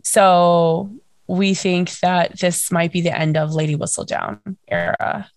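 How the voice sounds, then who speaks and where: A young woman with a hoarse, scratchy, nasal voice, hosting a casual fan chat podcast with lots of fillers. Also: lowish voice, slow, no room sound. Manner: chatty, filler-heavy, excitable. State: hoarse, lost voice. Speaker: podcast host.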